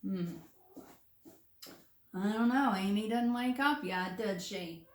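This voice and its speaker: A woman teacher reading a picture book aloud to young children, animated, with hushed asides to her listeners. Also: medium pitch, takes it slowly, a little hiss or hum. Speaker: first grade teacher. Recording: roomy room, distant mic.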